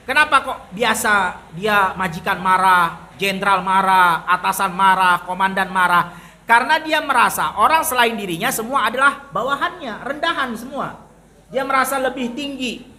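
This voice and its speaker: A man's voice: high-pitched, bright, forceful tone, slight background noise. A man preaching a sermon in a colloquial way, firing rhetorical questions at the audience and answering them himself. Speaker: Islamic preacher.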